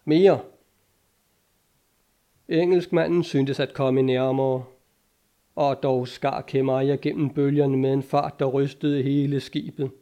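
A man narrating an adventure audiobook in a measured, dramatic reading. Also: mid-range voice, warm tone.

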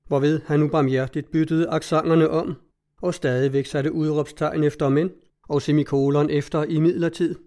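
A man narrating a story as an audiobook, in a steady, measured reading voice. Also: a little high.

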